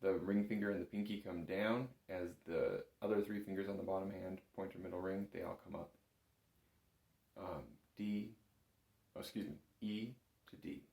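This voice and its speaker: Low, steady and warm with some vocal fry, this man's voice moves at a moderate pace as he patiently takes a student through a careful, step-by-step music lesson. The room echoes noticeably.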